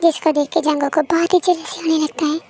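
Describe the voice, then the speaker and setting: A woman's voice: very high-pitched, little pitch movement, quick pace, mellow. A woman narrating a fan story in a plain, matter-of-fact way.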